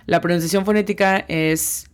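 A woman's voice: lowish voice, fairly even intonation. A woman teaching English vocabulary, spelling out each word sound by sound. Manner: slow, spells words out sound by sound. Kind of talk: language lesson.

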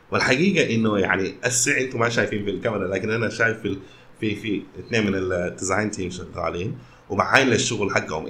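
Man, Sudanese Arabic accent, Arabic-English code-switching, casual chat, quick pace, faint background noise. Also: lowish voice, a bit bright. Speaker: company founder.

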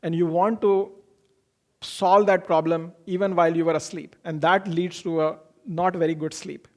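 A man's voice: on the high side, steady tone, moderate pace. A man gives an informal motivational talk, explaining earnestly through personal anecdotes and posing questions that he then answers. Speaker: speaker giving a self-improvement talk.

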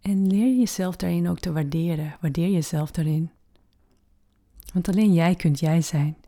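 Woman, meditation guide, dark relaxed tone, slightly low pitch, soft breathy near-whisper, gentle, unhurried with long pauses.

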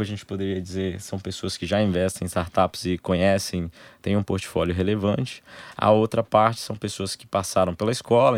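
A young man with a Brazilian Portuguese accent and a very low voice speaks as an interview guest and angel investor group member. He's relaxed and conversational, laying things out in short, halting phrases. The sound is close and dry, with no room tone and no echo.

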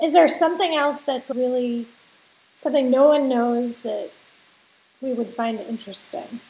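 A woman hosting an interview podcast, talking casually and slowly, laughing easily. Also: sits high. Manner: slow and relaxed, laughs easily. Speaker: podcast host. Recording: roomy echo with faint hiss.

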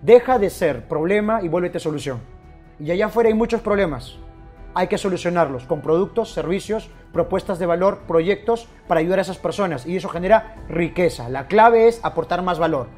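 A man's voice: high voice, lively intonation, a little fast, darkish tone, faint music behind. A man giving an emphatic motivational talk, often repeating lines and speaking straight to the listener. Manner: emphatic, repetitive, addresses listener directly.

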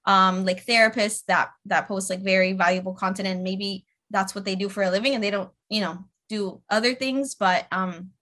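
A woman's voice: medium pitch, fairly even intonation, moderate pace, hardly any pauses, sharp tone. A woman in her thirties, a speech therapist guesting on a podcast, chatting casually with lots of fillers and acted-out quotes.

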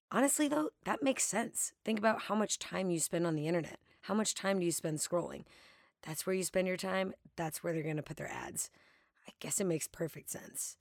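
A woman's voice: on the low side, a little mellow, no echo, studio quality. Tired-voiced woman podcast host. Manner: chatty, self-deprecating, upbeat. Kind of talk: casual podcast monologue.

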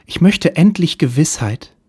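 A theatrically tearful rich woman of about thirty, as a man puts her on, pleading with a detective in a noir parody audio play. The voice sits high, with a husky edge and a close, dry sound. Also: lively intonation, unhurried, darkish tone, dry recording, heavily acted.

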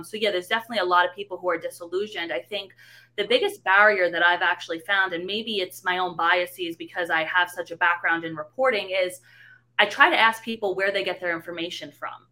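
A young woman from New York City with a slight Bronx accent answers interview questions as a guest, giving articulate, detailed explanations. Her voice is lowish with a sharp tone, and the audio is poor.

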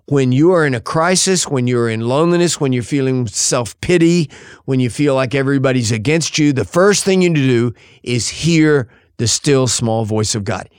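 A male pastor preaching a sermon, shifting dramatically between loud and hushed delivery. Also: mid-range voice, smooth, dry recording, clean studio sound.

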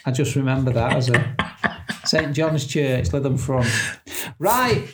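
A man's voice: medium pitch, steady tone, measured pace, noisy background. A man co-hosting a podcast in casual chat, joking and laughing at his own gags. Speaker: podcast co-host.

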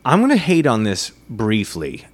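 Animated rambling podcast host, a man. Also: medium pitch, moderate pace. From United States. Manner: rambling, animated, beer-tasting banter. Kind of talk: casual podcast chat.

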